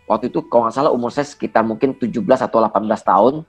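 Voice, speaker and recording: Man, around forty, pastor, earnest testimony, slight stammer, middle pitch, faint music behind. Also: rapid-fire, breathy edge. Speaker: pastor, guest. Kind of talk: personal testimony in a conversation.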